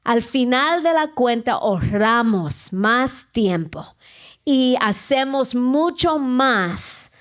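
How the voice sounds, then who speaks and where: A woman pastor, her voice sitting a little high. She preaches at an unhurried pace, searching for words, restarting her phrases and dotting her sermon with "amén". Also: expressive. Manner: slow, searching delivery with many restarts and frequent "amén".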